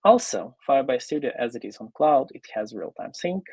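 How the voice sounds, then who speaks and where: A man from Ukraine, presenting an online tech talk as a software developer, casual and full of fillers. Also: medium pitch, very animated, breathy edge, no echo, poor audio. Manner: casual, pausing often with fillers.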